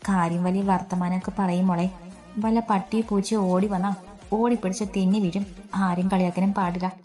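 A woman voicing an affectionate aunt who gently scolds a child. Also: medium pitch, steady tone, moderate pace, faint music behind, lightly acted. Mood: chiding. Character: fond, chiding aunt at home.

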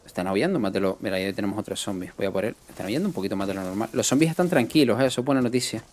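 A man's voice: fairly low pitch, expressive, racing, darkish tone, slight background noise. Young man, live game stream commentary, chatty, talks to viewers. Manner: chatty, greets and thanks viewers.

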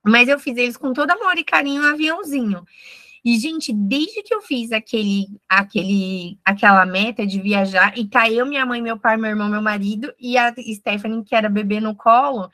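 Woman trainer, 30s, frank and energetic, bright dry video-call voice. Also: a little high, normal speed, no echo. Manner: frank, energetic, fires off questions. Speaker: finance trainer. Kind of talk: online group class.

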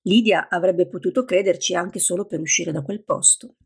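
This audiobook narrator is a woman with a gravelly, husky voice, fairly low in pitch. She delivers scripted narration at a moderate pace.

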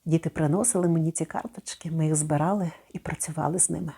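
A middle-aged woman giving a spoken lesson. She pronounces words slowly and carefully, and she repeats each one so listeners can copy her. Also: low-pitched, steady tone, vocal fry, dark tone, husky. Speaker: French pronunciation teacher.

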